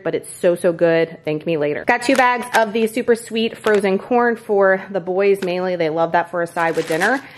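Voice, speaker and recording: A woman's voice: medium pitch, a little hiss or hum. A woman in her thirties chatting casually through a grocery haul in her home kitchen. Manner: chatty and upbeat, quick asides. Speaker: vlogger.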